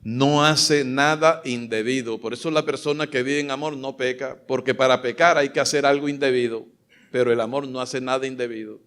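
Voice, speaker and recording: Fervent pastor preaching. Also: male voice, mid-range voice, fairly even intonation, normal speed, smooth. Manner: fervent preaching, swings between loud exclamations and soft asides. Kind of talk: sermon.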